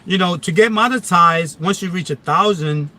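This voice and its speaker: A Philadelphia-born man chats on a live stream in his hometown accent, casual yet emphatic, circling back over his words and restarting often. The voice is high-pitched, pushed and bright, at a normal speed.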